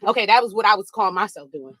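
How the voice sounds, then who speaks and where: A woman telling a funny story in a sassy, animated way, talking to listeners as girl and baby while she walks on a treadmill. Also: medium pitch, rapid-fire, no echo. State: walking on a treadmill. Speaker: podcast host. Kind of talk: casual storytelling while walking. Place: home treadmill, indoors.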